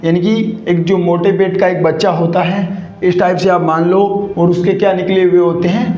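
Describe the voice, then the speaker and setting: A male English grammar teacher lectures at a rather high pitch. He keeps asking rhetorical questions and repeating the answers, drilling every point. The recording is muffled and echoey. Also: level tone, moderate pace, dark tone. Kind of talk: classroom lecture.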